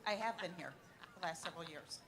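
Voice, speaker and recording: A woman's voice: on the low side, fast talker, fairly bright tone. A middle-aged woman representing a buying company, giving short plain interview answers with some hesitations. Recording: long hall reverb.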